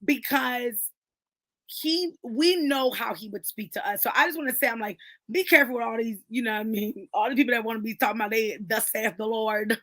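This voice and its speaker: A woman's voice: on the high side, fairly quick, bright, forceful tone, dry recording. A woman in casual, emphatic conversation about faith at a book club, talking with lots of fillers.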